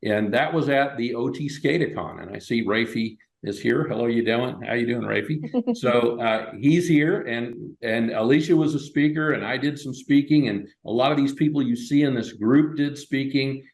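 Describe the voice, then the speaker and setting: A man's voice: mid-range voice, moderate pace, vocal fry, few pauses. A man hosting a webinar, talking casually through his slides with plenty of fillers and restarts. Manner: relaxed, loose, with frequent fillers and restarts. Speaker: webinar host. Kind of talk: casual presentation over slides. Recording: echoey room.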